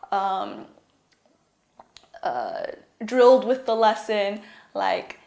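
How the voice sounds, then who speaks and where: A woman's voice: mid-range voice, roomy sound. A young woman from California giving a casual presentation about her studies, often saying "like" and "um". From California, USA. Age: young adult. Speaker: university student. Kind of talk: presentation talk.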